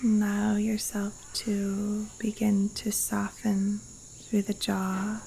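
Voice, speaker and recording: A woman guides a yoga nidra meditation from a Costa Rican jungle, speaking in a mid-range, completely flat voice that is hushed, breathy and soothing, with long pauses. It's a rough recording. Faint insect and cricket noise and other rainforest wildlife sounds fill the background.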